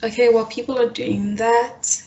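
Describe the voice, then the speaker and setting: A young woman facilitating an online coding workshop over a video call, often pausing with fillers and restarting her sentences. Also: a little high, little pitch movement, dark tone, lo-fi sound, a little hiss or hum. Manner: hesitant, lots of fillers and restarts. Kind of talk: live online coding tutorial.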